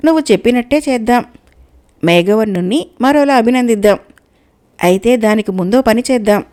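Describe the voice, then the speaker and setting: A woman's voice: on the high side, a little fast, darkish tone, natural voice. A woman voicing an ambitious fable king, in an enthusiastic, commanding manner. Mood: eager. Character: eager, ambitious bird king.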